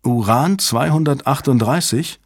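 A man's voice: medium pitch, a little slow, dry recording, pitched above the performer's own voice. A man reading a tense young female code analyst, urgent and questioning. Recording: dry close studio sound.

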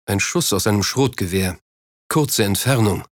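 A man reading an audiobook, voicing a hospital doctor in a measured, sober manner. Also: fairly low pitch, no room sound, clean studio sound, close to an everyday voice. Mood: grave. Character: grave, formal male hospital doctor.

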